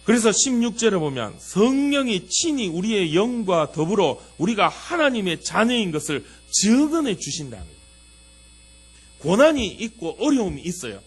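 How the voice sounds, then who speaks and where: A middle-aged man giving a sermon as a pastor, preaching in a lively way and acting out a child's pleas and God's warm answers. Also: sits high, moderate pace, husky, faint music behind.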